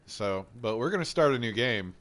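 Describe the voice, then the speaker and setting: This young streamer has a medium-pitched voice with lively intonation, normal speed and a fairly bright tone. Stuffed up from a head cold, he rambles in a laid-back way while introducing a game playthrough, casually dropping swear words.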